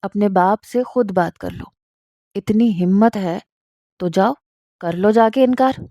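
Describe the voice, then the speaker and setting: A woman's voice: medium pitch, warm tone, dry recording, studio quality, natural voice. A woman voicing a middle-aged mother who answers curtly and dismissively. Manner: curt, dismissive.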